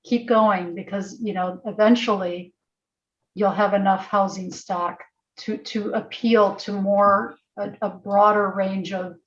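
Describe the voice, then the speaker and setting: A woman who is a housing consultant, explaining earnestly at a public meeting, voice going a little hoarse. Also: medium pitch, steady tone, slow pace, dull audio. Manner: earnest, emphatic, restarts phrases while reasoning aloud. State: losing her voice. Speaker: housing consultant presenting to a planning commission.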